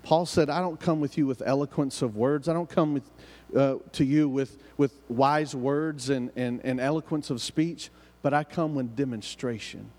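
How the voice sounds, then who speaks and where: A man's voice: mid-range voice, fairly even intonation, moderate pace, a little mellow. A man with a Southern US hillbilly accent preaching a sermon with emphatic repetition and rhetorical questions. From southern United States. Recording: reverberant hall.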